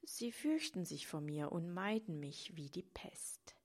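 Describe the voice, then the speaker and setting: A woman voicing the frail grey spirit of sadness, who speaks in a hoarse, halting whisper and sounds mistrustful. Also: lowish voice, lively intonation. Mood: mournful.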